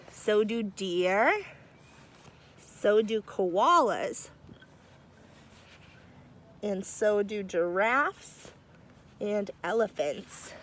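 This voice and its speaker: With a medium pitch and a warm, slow cadence, a teacher reads a picture book aloud to children, now and then chatting in lively asides. The setting is outdoors near trees, and a little hiss or hum is audible.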